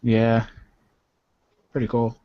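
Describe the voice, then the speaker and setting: A man's voice: medium pitch, completely flat delivery, takes it slowly, no echo. A man of about forty chatting casually online in a laid-back, slangy way. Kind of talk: casual online group chat. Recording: dull lo-fi close online voice chat.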